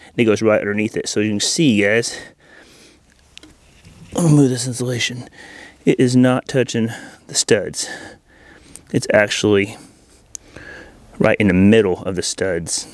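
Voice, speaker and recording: An American audio-video installer who runs his own channel walks viewers through a hands-on installation in a casual, folksy, talkative style. His voice is fairly low-pitched and the recording has no echo.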